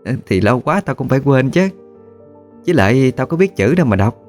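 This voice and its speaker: A man voicing a gruff, teasing old woman ghost with a Southern Vietnamese accent and a blunt, folksy manner. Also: mid-range voice, big pitch swings, brisk, faint music behind, voice pushed up, natural voice.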